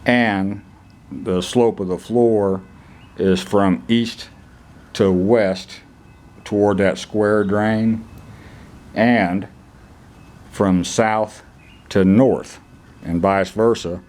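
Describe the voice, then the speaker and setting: A man's voice: lowish voice, fairly even intonation, very slow, pauses often, darkish tone. A man on a casual DIY vlog, talking bluntly with plain rural slang while showing off a concrete floor in an old kennel building. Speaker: DIY vlogger.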